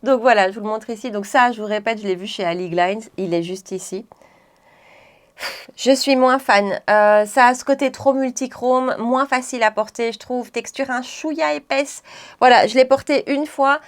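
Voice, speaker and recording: A woman's voice: fairly high pitch, moderate pace. A French-accented woman chatting enthusiastically about her makeup purchases in a casual beauty vlog. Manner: enthusiastic, chatty, many fillers. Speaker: beauty vlogger. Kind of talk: casual makeup haul chat.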